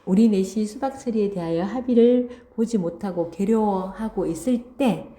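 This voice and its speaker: Medium-pitched and mellow, this woman's voice belongs to a Korean language teacher reading a story aloud during an online literature lesson. She explains it line by line, slowly restating key words and asking "그치?" to make sure students follow.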